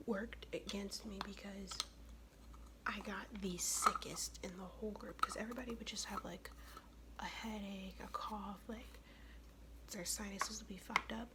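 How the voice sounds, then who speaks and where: A young woman from the United States whispering in a close, raspy ASMR voice, her throat worn from illness, telling a blunt, profane, chatty story. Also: mid-range voice, fairly even intonation, a little slow, heavy background noise. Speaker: ASMR vlogger.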